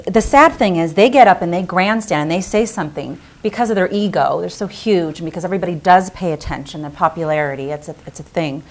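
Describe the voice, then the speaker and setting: A woman speaks as a guest commentator on a panel. Her voice sits somewhat low. She rambles through her points with emphasis. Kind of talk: panel discussion.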